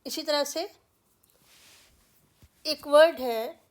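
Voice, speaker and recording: A woman's voice: high-pitched, very slow. A woman from India with an Indian English accent, teaching English pronunciation patiently and repeating example words with care.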